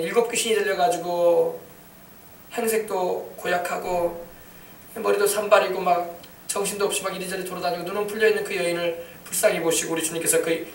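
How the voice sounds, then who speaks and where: Delivering a sermon, this male pastor speaks fast and forcefully in a high register, at times erupting into shouted commands. He sounds far from the mic, his words echoing through a large church over light background noise.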